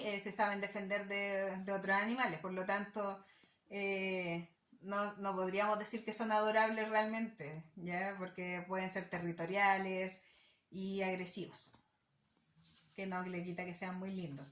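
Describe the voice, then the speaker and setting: A woman's voice: fairly high pitch, fairly bright tone, reverberant. A woman teacher with a Chilean accent reviewing worksheet answers for a class, checking in often with her students. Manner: explanatory, checks in with "¿ya?".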